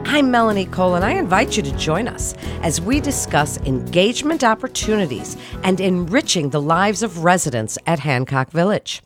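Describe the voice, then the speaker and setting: A woman hosting a hospital health program, introducing and questioning a guest in a polished, expressive way. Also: on the low side, moderate pace, hardly any pauses. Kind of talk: hosted interview. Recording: faint music behind.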